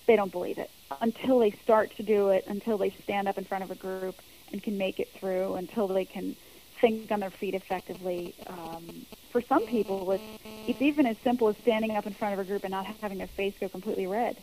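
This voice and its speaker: A woman's voice: mid-range voice, steady tone, fairly quick, warm tone, slight background noise, poor audio. Earnest woman coach explaining steadily. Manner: earnest, explanatory, repeats key phrases. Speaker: public speaking coach. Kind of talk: interview answers.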